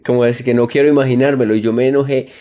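A Colombian man co-hosting a podcast, telling an anecdote in casual chat with friends, halting and stumbling over his words. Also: mid-range voice, fairly even intonation, warm tone. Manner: hesitant, stumbling storyteller. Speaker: podcast co-host.

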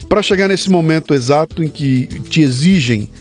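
A man hosting a podcast interview, reflecting out loud with fillers and repeated words. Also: fairly high pitch, expressive, normal speed, faint music behind. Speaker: podcast host. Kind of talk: conversational interview.

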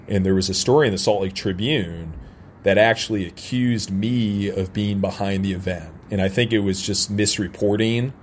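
Speaking from a stadium radio booth with clear background ambience, a St. Louis soccer play-by-play man chats openly as an interview guest, telling personal stories. He has a deep voice, fairly even intonation and a moderate pace.

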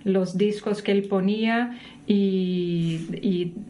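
Slow-speaking woman guest. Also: mid-range voice, steady tone, mellow. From Brazil. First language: Portuguese. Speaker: guest opera soprano. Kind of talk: casual interview.

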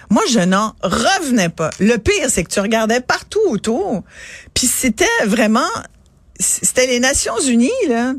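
Quebecois lady ranting on the radio, lively and fired up, dry mic. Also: fairly high pitch, no room sound. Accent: Québécois French. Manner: animated storytelling, indignant. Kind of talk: casual radio chat.

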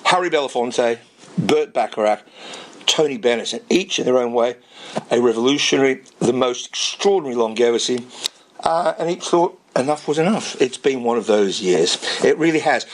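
Hoarse, raspy man hosting radio. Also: medium pitch, lively intonation, a little hiss or hum. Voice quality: raspy, strained voice. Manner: rambling, dramatic pauses and repetition. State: hoarse, losing his voice. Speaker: radio show host. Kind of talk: informal radio monologue between songs.

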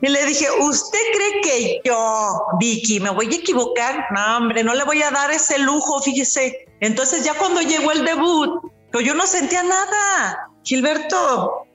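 A middle-aged woman with a Mexican Spanish accent, a guest telling her story in a casual interview, lively and boastful, acting out what others said. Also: sits high, measured pace, few pauses, echoey room, soft background music. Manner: lively, boastful storyteller who acts out quoted dialogue.

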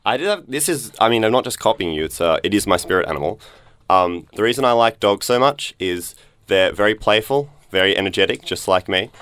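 A man's voice: lowish voice, expressive, fairly quick, a bit bright, clean tone, no room sound, studio quality. A man playing a bachelor on a joking podcast dating game, rambling and laughing as he talks. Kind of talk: joking studio banter.

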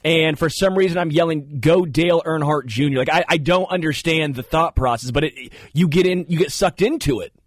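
A man hosting a radio show from a studio, telling stories in a casual, animated way. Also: on the high side, brisk, hardly any pauses, no room sound. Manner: animated storytelling, puts on voices. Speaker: radio host. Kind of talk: casual sports radio chat. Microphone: studio mic.

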